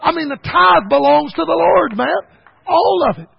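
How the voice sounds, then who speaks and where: A man's voice: very high-pitched, animated, normal speed, gravelly, no echo. An older man preaching a revival sermon, with folksy storytelling and calling the congregation son and buddy. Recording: dull lo-fi sound.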